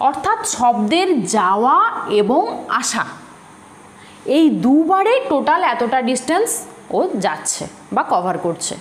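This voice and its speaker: A woman teaches a physics class, patient and explanatory, often asking her students a question before answering it. Her voice sits high and swoops with lively intonation. The recording is roomy with a faint hiss underneath. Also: measured pace. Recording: echoey room with faint hiss.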